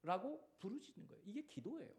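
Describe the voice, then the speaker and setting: A man preaching a sermon as pastor, animated and acting out the cries and commands he quotes. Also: high-pitched, fairly quick.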